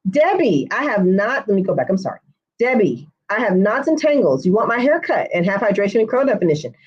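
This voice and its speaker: Woman hair stylist, casual live Q&A host, friendly and chatty, mid-pitch, muffled stream audio. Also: very animated, fairly quick, husky. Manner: chatty, addresses viewers by name, says y'all. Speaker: hair stylist teaching a live online course. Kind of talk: live-stream Q&A answering comments.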